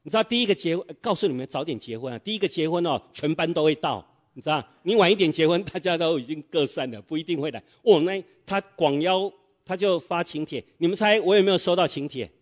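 A man's voice: on the high side, expressive, fast. A middle-aged man preaching a sermon in church, telling a story and quizzing the congregation with fill-in-the-blank questions.

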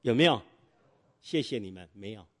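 A man's voice: lowish voice, expressive, moderate pace, a bit bright. A middle-aged man preaching a sermon in church, telling a story and quizzing the congregation with fill-in-the-blank questions.

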